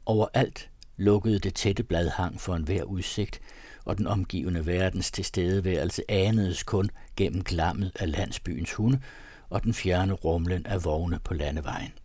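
A man narrating a literary story in a measured, ornate audiobook reading. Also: sits low, a little mellow, no echo.

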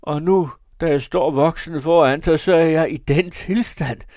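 A male audiobook reader voicing a tipsy, excitable young man, the narrator's elder brother, in loud outbursts. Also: gravelly, no room sound, studio quality. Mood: grieving. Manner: loud, excitable, high-strung. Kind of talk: audiobook character voice.

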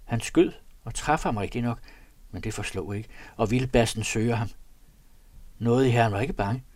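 A man's voice: mid-range voice, a little mellow, no echo. Man reading an old diary aloud. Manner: earnest, measured literary reading. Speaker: narrator.

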